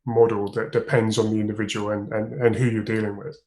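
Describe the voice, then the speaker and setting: A man's voice: fairly low pitch, level tone, brisk, a little mellow, roomy sound, slight background noise. A man hosting a podcast, talking casually and thoughtfully about racing and coaching, often restarting his sentences. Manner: reflective, hedging, frequent restarts. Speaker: podcast host.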